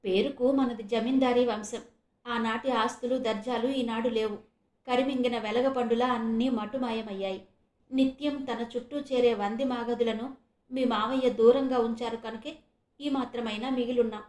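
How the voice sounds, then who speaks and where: A woman's voice: fairly high pitch, fairly even intonation, moderate pace, darkish tone, roomy sound, lightly acted. A woman voicing a weary middle-aged mother who laments her son's ways. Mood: sorrowful. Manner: sorrowful, lamenting.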